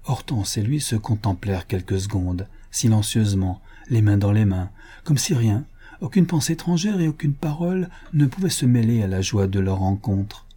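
A man narrating a classic novel as an audiobook in a steady literary reading. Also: on the low side, moderate pace, husky. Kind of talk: scripted narration.

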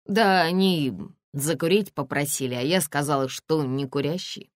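A woman's voice: deep voice, moderate pace, dry recording, clean studio sound, close to an everyday voice. Woman voicing a sullen, plaintive young man. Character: sullen young man, pleading then stubborn.

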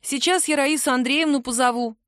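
Female narrator doing a cranky, half-asleep young woman, pitched up and huffy. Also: a little fast, a bit bright, no echo, studio quality. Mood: sleepy mocking. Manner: indignant, exaggerated exclamations. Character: sleepy grumpy young woman, sharp-tongued friend.

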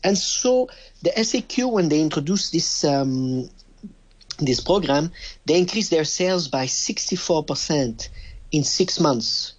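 A man with a French-Canadian accent talks through a dull, muffled phone line. His voice is husky and a little breathy. He pauses often with "uh" and restarts his phrases as he explains. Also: a little high, animated. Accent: Québécois French. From Quebec, Canada. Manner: hesitant, many "uh" and restarts. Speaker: wine business guest. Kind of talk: radio interview over the phone.

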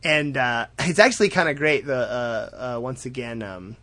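A man casually recapping a cartoon episode, acting out the characters' lines in quick voices and laughing often. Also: mid-range voice. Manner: animated retelling, acts out quotes in quick voices. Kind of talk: casual chat.

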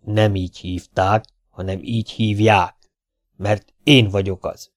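A man voicing a stern medieval warlord with a deep, hollow, booming voice and a commanding, blustering manner. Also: warm tone, natural voice. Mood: solemn.

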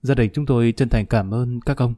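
A man's voice: mid-range voice, fairly even intonation, brisk, mellow, no echo, close to an everyday voice. A man voicing a grateful, emotional middle-aged doctor who speaks earnestly and formally. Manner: earnest, formal, effusive thanks.

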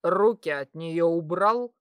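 A woman voicing a hulking bear werewolf man who speaks in a low, slow, commanding growl. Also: expressive, a bit bright, dry recording. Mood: threatening.

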